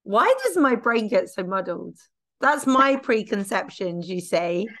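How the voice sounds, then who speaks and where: A woman's voice: medium pitch, animated, unhurried, fairly bright tone. A woman hosting a podcast and chatting casually as a dog trainer, self-deprecating and laughing often. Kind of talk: casual conversational chat.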